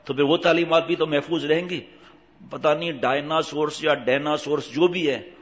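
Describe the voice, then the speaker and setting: Preacher: a man with a higher-pitched voice who talks with the crowd and acts out the people in his stories. Dull recording with a long hall reverb. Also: steady tone. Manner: conversational, asks the audience questions, acts out the voices in his stories. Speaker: Islamic preacher. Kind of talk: sermon with anecdotes.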